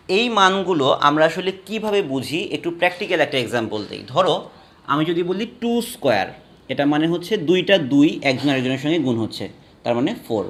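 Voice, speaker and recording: A man teaching a math lesson, slowly spelling out each step and counting aloud for his students. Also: a little high. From Bangladesh. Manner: slow, deliberate, spells out steps and counts aloud. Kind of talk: classroom math lecture.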